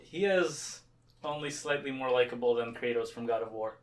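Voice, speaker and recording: Chatty Canadian let's play host. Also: male voice, mid-range voice, moderate pace, recorded from a distance, slight background noise. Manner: chatty, laughs often. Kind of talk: casual gameplay commentary.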